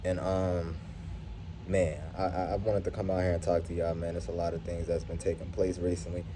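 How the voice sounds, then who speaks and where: A man's voice: low-pitched, monotone, brisk, background noise. A man giving a casual, earnest motivational vlog through a face mask, slightly muffled, in slangy, profane speech addressed straight to viewers. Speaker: YouTube vlogger. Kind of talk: casual motivational monologue to camera. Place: at his workplace.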